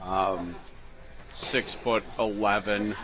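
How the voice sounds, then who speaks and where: A man with a lowish voice who talks very slowly, searching for words between jokes. A faint hiss sits under his voice. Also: fairly even intonation, a bit bright, low-quality recording. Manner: slow, halting joker. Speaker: podcast co-host. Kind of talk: casual trivia chat.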